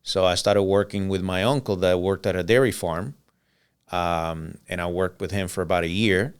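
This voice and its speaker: A middle-aged man born in Cuba whose first language is Spanish, telling his life story as a podcast guest in a relaxed, rambling way with many "uh"s and "um"s. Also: sits low, normal speed, clean tone. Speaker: podcast guest, business owner. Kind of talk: casual interview storytelling.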